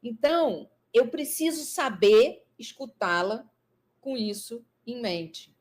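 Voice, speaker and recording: A woman's voice: a little high, expressive, slow. Thoughtful woman explaining. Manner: thoughtful, explanatory, frequent fillers. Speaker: psychologist and trainer of psychologists. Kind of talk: live interview conversation.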